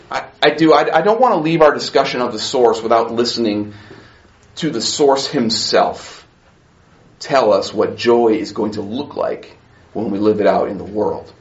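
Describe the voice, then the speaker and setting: A man preaching a sermon as pastor, passionate, swinging between soft asides and rising emphasis. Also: medium pitch, lively intonation, normal speed, roomy sound, lo-fi sound.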